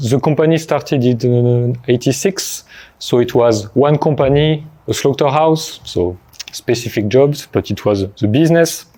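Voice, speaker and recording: A middle-aged man with a French accent presents on a conference stage, working in a language that isn't his first. His voice is dark and mellow, and his delivery is hesitant, with many fillers and restarts as he gathers his thoughts. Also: mid-range voice. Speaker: conference speaker. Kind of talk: conference talk.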